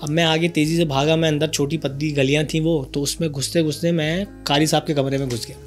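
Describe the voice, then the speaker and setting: A man from Karachi, hosting a podcast and telling a childhood story in a lively, animated way. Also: a little high, brisk, soft background music. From Karachi, Pakistan. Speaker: podcast host. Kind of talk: casual storytelling chat.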